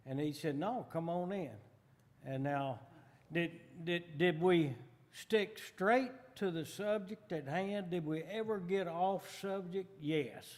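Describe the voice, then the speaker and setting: A man speaking haltingly in a council meeting, often restarting. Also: sits high. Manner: halting, repeats himself. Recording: long reverb in council chamber.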